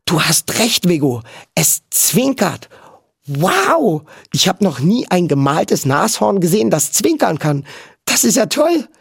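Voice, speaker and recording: A man voicing a bold, curious young boy who talks in high, eager exclamations. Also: big pitch swings, takes it slowly, vocal fry, a bit bright, no room sound, clean studio sound, exaggerated voice. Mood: excited. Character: boy Topper, excited bold curious kid.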